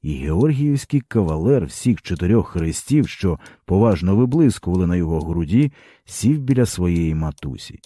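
A man narrating a literary story in a dramatic, expressive audiobook reading. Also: deep voice, normal speed, no echo, clean studio sound.

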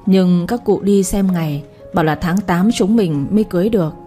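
A woman reading a devoted young village man who soothes and reassures. The voice is warm and mellow, with faint music underneath. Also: on the low side, moderate pace, close to an everyday voice. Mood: placating. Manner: soothing, placating.

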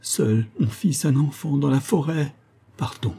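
A man's voice: medium pitch, measured pace, creaky, dark tone, husky, voice pushed up. A man voicing a grieving, pleading mother. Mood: anguished. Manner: pleading, broken, anguished. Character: grieving desperate mother in exile.

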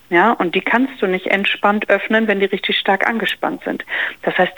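A woman speech therapist calmly explaining things in an interview, using everyday examples. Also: medium pitch, poor audio. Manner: calm, explanatory, uses examples.

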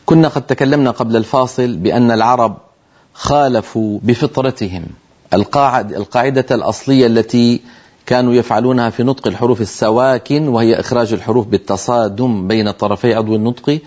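A man's voice: mid-range voice, steady tone, a little mellow, dull audio. A middle-aged man teaching Quran recitation rules on a broadcast, demonstrating letter sounds and asking listeners to try them. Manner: measured, explanatory delivery. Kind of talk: televised tajweed lesson.

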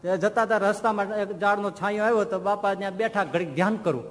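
A man, a monk giving a sermon in folksy, animated storytelling. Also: high-pitched, fast talker, slight background noise. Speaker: monk preacher. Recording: long hall reverb.

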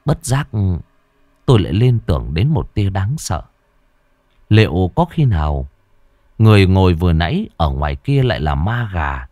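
A man's voice: deep voice, big pitch swings, normal speed, darkish tone. A man reading a ghost story aloud with a dramatic, suspenseful delivery. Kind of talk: scripted horror narration.

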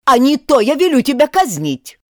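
Lady putting on a loud bossy king, fussy and threatening, raised pitch, storybook style. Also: big pitch swings, moderate pace, no room sound, clean studio sound. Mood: stern. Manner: loud, blustering commands.

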